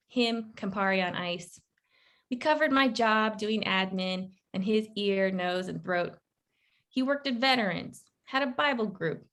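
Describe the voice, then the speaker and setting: Une autrice lit sa nouvelle à voix haute, d'un ton posé et ironique. Sa voix de femme, de hauteur moyenne, suit calmement le récit à la première personne. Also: female voice, medium pitch. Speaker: author reading her fiction. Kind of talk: literary reading aloud.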